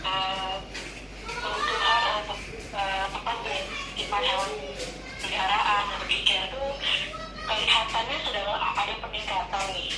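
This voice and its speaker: A woman's voice: mid-range voice, steady tone, measured pace, echoey room, far from the mic, over loud music, rough recording. Woman interviewer heard over a speakerphone. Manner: polite, questioning. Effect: heard over a speakerphone call. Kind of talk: phone interview.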